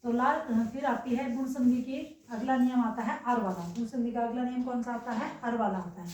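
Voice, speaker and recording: A young woman teaching a grammar lesson, her voice sitting a little high. She keeps asking questions and then answering them herself. She is recorded from a distance in an echoey room. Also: fairly even intonation, normal speed, darkish tone. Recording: echoey room, mic far away.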